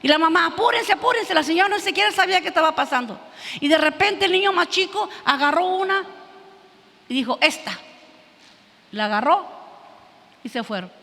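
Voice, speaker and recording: A woman giving an earnest testimony in a church, telling her story haltingly with many restarts. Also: very high-pitched, animated, creaky, bright, forceful tone. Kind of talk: sermon testimony. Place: church hall. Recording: long hall reverb.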